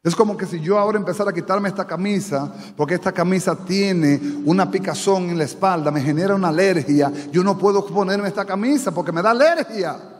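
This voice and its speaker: A man's voice: sits high, brisk. A Dominican man with a Dominican Spanish accent, preaching a sermon as pastor to a live congregation, asking them questions. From Dominican Republic. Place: church sanctuary. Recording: church hall reverb.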